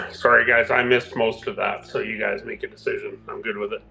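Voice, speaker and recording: Man, tinny cell phone speakerphone sound, gravelly voice, tabletop player. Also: on the low side, little pitch movement, normal speed, pushed and bright, soft background music. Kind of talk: casual game chat.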